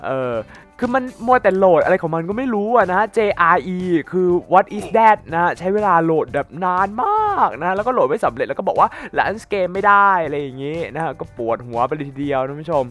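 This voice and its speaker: A man's voice: fairly high pitch, expressive, fast, fairly bright tone, soft background music. Chatty young man with a cold. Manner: chatty, addresses viewers directly, rambling asides. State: has a cold, voice slightly off. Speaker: gaming YouTuber. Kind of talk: casual gameplay commentary.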